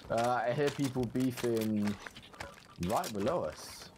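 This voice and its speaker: A man's voice: medium pitch, slow, background noise. A man in casual squad voice chat during an online shooter, calling out enemies and repeating words under pressure. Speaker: gamer in a squad.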